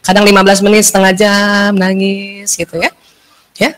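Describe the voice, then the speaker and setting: A woman giving a lively religious talk to an audience of women, acting out quoted dialogue and laughing often. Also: mid-range voice, moderate pace, soft background music, rough recording. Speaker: religious lecturer.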